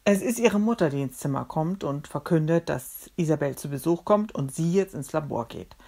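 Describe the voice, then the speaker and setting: Brief: woman storyteller, low voice, wide lively melody, reading a kids' book. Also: normal speed. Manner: expressive, dramatic storytelling. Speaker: storybook reader. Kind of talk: reading a children's book aloud.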